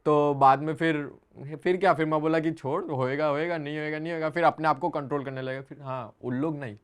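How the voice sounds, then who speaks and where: Hesitant young man with a slightly high voice. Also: fairly even intonation, clean tone. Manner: halting, searches for words, then laughs. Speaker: interview guest. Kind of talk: casual storytelling interview.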